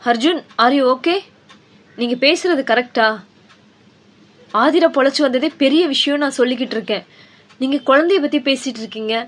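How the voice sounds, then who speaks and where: A woman's voice: sits high, normal speed, long pauses. A woman voicing a firm, professional female doctor in a cartoon, speaking in an instructive way. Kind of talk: cartoon dubbing.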